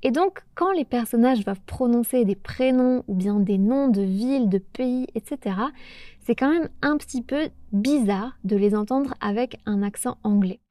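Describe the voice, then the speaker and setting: Mellow-voiced French woman, slow and clear. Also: fairly high pitch, no echo. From France. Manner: slow, careful, with pauses and hesitations. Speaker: podcast host teaching French. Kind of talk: clear, measured solo talk for learners.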